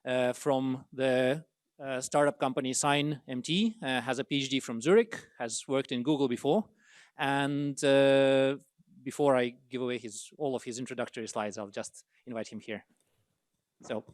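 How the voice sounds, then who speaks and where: A man as seminar host giving opening remarks in a university room, earnest and halting with frequent pauses. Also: mid-range voice, steady tone, dry recording, clean studio sound. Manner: hesitant, many uh fillers, earnest. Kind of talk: opening remarks introducing speakers.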